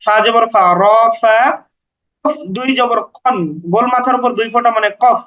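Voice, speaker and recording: Man, very high voice, Quran reading teacher, patient, slow syllable-by-syllable drilling, instructional. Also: little pitch movement, a bit bright, low-quality recording. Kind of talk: spelling out letters and vowel marks for beginners.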